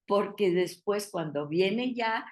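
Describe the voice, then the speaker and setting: A woman's voice: mid-range voice, expressive, takes it slowly. A woman teaching a Bible study, explaining patiently and asking the group questions.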